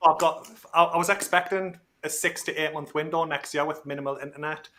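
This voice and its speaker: High-pitched man in casual, matey chat. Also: steady tone, a little fast, bright, forceful tone. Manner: informal, matey, slangy. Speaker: guest on a livestream. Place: remote video or voice call.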